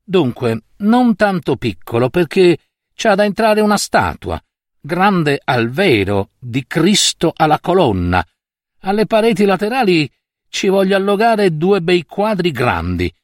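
A scornful old landowner barks orders and mocks his listener, as a male reader puts him on. The voice rises and falls in lively swings, recorded dry and close for a storybook reading. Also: high voice, unhurried, dry recording, pitched above the performer's own voice. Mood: commanding. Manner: mocking, commanding, brusque.

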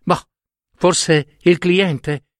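A man's voice: sits high, fairly even intonation, drawn-out words, no echo, studio quality, pitched above the performer's own voice. A man voicing a poor shoemaker's wife in a storybook reading, raising his voice to play a plain, practical woman. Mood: homely, practical.

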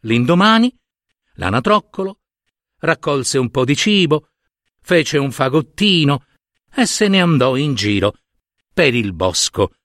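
A man reading a children's story aloud in a slow, expressive way. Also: a little high, no echo, clean studio sound. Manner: slow, expressive, lively narration.

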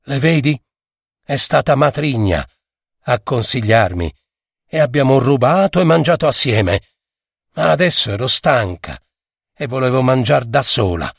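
A man's voice: medium pitch, lively intonation, measured pace, gravelly, long pauses, breathy edge, dry recording, studio quality, far from the mic, heavily acted. A man voicing a fierce, bitter peasant wife who speaks in a cutting, accusing way. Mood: bitter defiant.

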